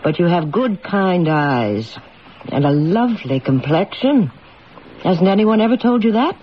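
A woman's voice: fairly low pitch, sing-song, a little slow. A coaxing, commanding woman with a dramatic fortune-teller delivery. Her intonation rises and falls widely in true radio drama fashion. The recording is dull, with some hiss. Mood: reassuring. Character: theatrical woman therapist and former fortune teller, assured, coaxing.

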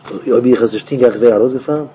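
A rabbi speaks in an informal, rambling Torah talk, now and then breaking into louder bursts. His voice is dark and mellow, in a middling pitch for a man, with a faint hiss of noise behind it. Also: racing.

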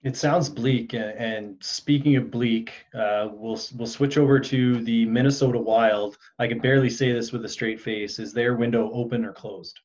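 A man's voice: medium pitch, fairly even intonation, moderate pace, hardly any pauses, darkish tone, dull audio. A man hosting a podcast, asking questions in a casual, conversational way with some stumbles. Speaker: podcast host.

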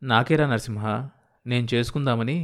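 A proud old farmer grandfather, stubborn but tender underneath, as a male narrator plays him. His speech is gruff and folksy, full of village turns. Told as an audiobook story. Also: medium pitch, normal speed, a bit bright, close to an everyday voice. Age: older.

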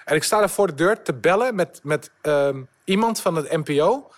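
A young man, a podcast guest, telling a lively anecdote, swearing freely and dropping English words into his talk. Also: fairly high pitch, normal speed. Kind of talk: storytelling anecdote.

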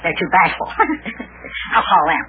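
An actor playing an eager, excitable little boy with a small childlike voice in an old-time radio serial. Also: mid-range voice, unhurried, close to an everyday voice. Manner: eager, chattering, repeats words. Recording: noisy, tinny old radio recording.

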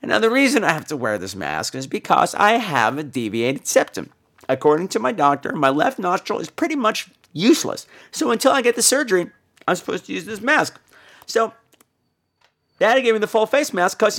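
With a high-pitched, slightly bright voice, an American man hosts a podcast monologue of comic personal stories. He plays them up in a campy, theatrical, exaggerated manner and doesn't hold back on profanity.

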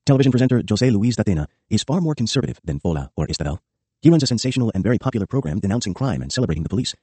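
Male audiobook narrator, low mellow husky voice, very fast memoir read. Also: big pitch swings, no room sound. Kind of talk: scripted first-person memoir narration.

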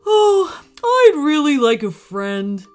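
A lonely little stegosaurus boy, as a woman puts him on for a storybook, speaking in a very high, wistful voice that swoops up and down. He sounds hopeful and pleading. Soft music plays faintly underneath. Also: sing-song, slow pace, exaggerated voice. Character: lonely gentle young male stegosaurus. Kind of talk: children's storybook reading.

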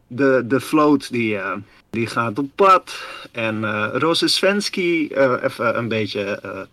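A man spins a history tale for his podcast co-host in a bright, forceful voice. He rambles through lots of fillers and keeps calling his listener by name. The sound is close and dry, with no room around it. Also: mid-range voice, animated, slow, dry recording. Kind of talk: casual storytelling chat.

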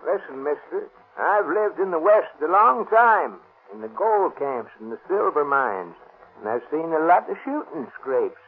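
A wary old prospector who has seen plenty of shooting scrapes. His husky voice rises and falls in a lively, folksy drawl. It comes through a tinny 1930s radio broadcast. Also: on the high side, a little slow, heavily acted. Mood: recounting. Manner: folksy rural Western speech. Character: old male ex-gold miner, wary and plainspoken.

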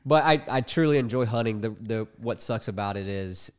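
A man's voice: on the low side, moderate pace, clean tone. A young man hosting a casual podcast, congested and hesitant, rambling with many fillers. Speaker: podcast host and YouTuber.

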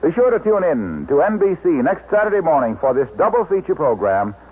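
A man's voice: on the high side, very animated, brisk, husky. An American man announcing in a chipper 1950s radio ad style, with a polished, emphatic sales delivery. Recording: vintage radio broadcast, narrow phone-like band.

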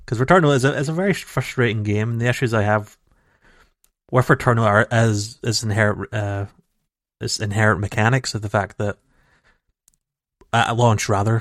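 A man with a lowish voice co-hosts a casual gaming podcast, rambling in long runs with frequent restarts and fillers. Recorded raw on a home computer mic over a call, the home audio is dry with no echo.

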